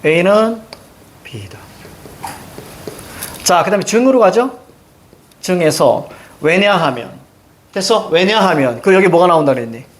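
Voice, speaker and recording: A middle-aged man teaching a reading lesson, emphatic and constantly quizzing his students with quick check-in questions. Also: high-pitched, expressive.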